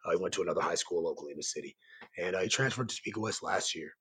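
A man with a raspy, hoarse voice, worn from yelling, giving earnest, rambling answers as a coach being interviewed. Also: low-pitched, very fast. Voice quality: raspy, strained voice. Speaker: high school basketball coach and site coordinator, guest.

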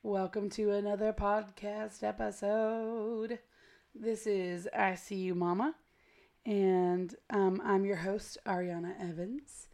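American woman chatting on her podcast, gravelly n hoarse w/ a cold, lots of fry, rambly and slangy. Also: mid-range voice, flat delivery, slow, a little mellow. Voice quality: gravelly, smoky voice. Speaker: podcast host. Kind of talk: casual podcast intro chat. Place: at home.

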